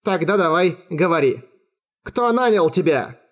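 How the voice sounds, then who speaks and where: A man's voice: on the high side, lively intonation, measured pace. A man voicing a cocky young sorceress who threatens a prisoner with teasing, coldly sweet menace in an audiobook. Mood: mock menacing.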